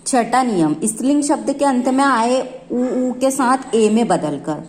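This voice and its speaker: A woman's voice: on the high side, lively intonation, a little slow, a little mellow. A woman teacher giving a grammar lesson, explaining each rule step by step and repeating her examples.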